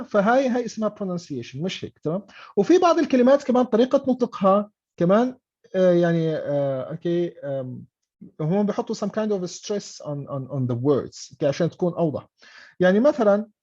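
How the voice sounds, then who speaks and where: A man's voice: sits high, big pitch swings, fairly quick, mellow. Guy teaching english online, keeps saying okay?, muffled lo-fi audio. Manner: mixes English and Arabic, frequent "okay?" checks. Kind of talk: online class explanation. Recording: dull lo-fi online call audio.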